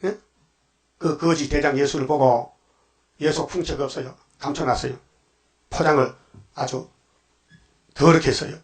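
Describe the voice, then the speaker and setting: A man's voice: mid-range voice, fairly even intonation, normal speed, long pauses. An older man preaching a dawn sermon as pastor, firing off rhetorical questions and sudden emphatic bursts.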